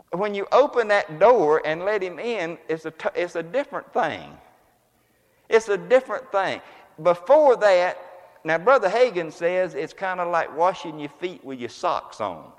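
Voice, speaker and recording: Folksy preacher man in a reverberant church. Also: high voice. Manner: folksy, conversational preaching with homespun examples. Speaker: pastor. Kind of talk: sermon. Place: church sanctuary.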